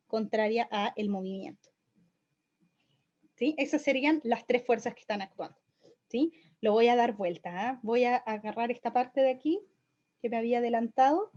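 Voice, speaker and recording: A woman's voice: a little high, a little mellow. Woman teaching physics, checking in. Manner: explanatory, checks in with frequent "¿sí?". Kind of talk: recorded online lecture. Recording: dull, lo-fi lecture audio.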